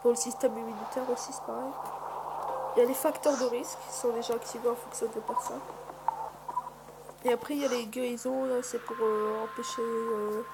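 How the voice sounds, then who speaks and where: A woman's voice: a little high, little pitch movement, fairly quick, gravelly, very noisy. A woman casually commenting on a video game, hesitant, with many fillers and mild swearing. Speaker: gaming video host. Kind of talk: casual let's play commentary. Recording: loud music behind the voice. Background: loud background music.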